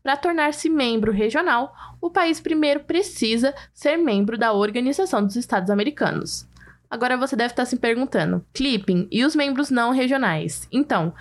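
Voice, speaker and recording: Woman, high voice, news podcast co-host, friendly explainer. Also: expressive, moderate pace. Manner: friendly, explanatory, addresses listeners directly. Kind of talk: scripted explanatory news reading.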